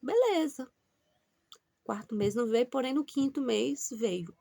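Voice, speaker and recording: A woman with a Brazilian Portuguese accent telling a personal story in a chatty, animated way and speaking straight to her audience. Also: on the high side, measured pace, creaky, no echo, clean studio sound. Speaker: vlogger.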